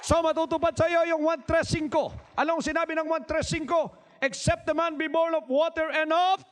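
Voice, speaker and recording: A man preaching a sermon in Taglish, repeating words for emphasis, swinging from quiet asides to shouted cries, and firing questions at his congregation. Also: very high voice, little pitch movement, moderate pace. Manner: asks the crowd rhetorical questions. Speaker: pastor.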